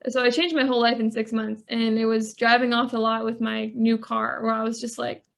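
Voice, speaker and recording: A woman with a fairly high, gravelly voice speaks as a life coach on a podcast. She tells her story earnestly, leaning on casual "like" fillers, and her pitch stays flat and level throughout. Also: fairly quick. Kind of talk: podcast interview.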